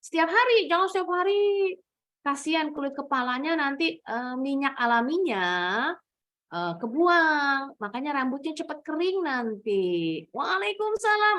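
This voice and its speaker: Woman, English teacher to kids, online lesson; a bit high-pitched, patient, over-marks her intonation when demonstrating. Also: a bit bright. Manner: patient, explains step by step with exaggerated rising and falling demos. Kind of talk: online class teaching children.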